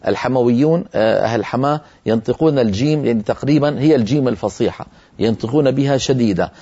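A Syrian man teaching a televised Quran recitation lesson, answering questions and sounding out letters slowly, syllable by syllable. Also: mid-range voice, dark tone, husky. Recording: muffled broadcast audio.

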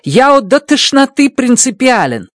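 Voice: high-pitched, big pitch swings, unhurried, no room sound, studio quality, pitched above the performer's own voice. A reader voicing a stern, domineering woman mission chief who barks orders in an audiobook. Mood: coolly firm. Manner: shouting, harsh and domineering. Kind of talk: audiobook character voice.

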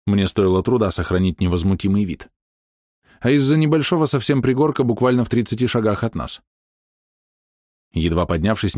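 A man reading a first-person fantasy audiobook in a lively, expressive way. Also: lowish voice, no room sound, clean studio sound. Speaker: audiobook narrator.

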